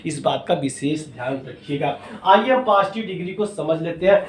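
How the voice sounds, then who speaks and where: A man with a fairly high voice teaches grammar in a classroom style. He explains step by step, keeps asking his own questions and answering them, and sounds a little distant from the mic in a roomy, echoing space. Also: expressive, normal speed. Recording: echoey room, voice a bit far from mic.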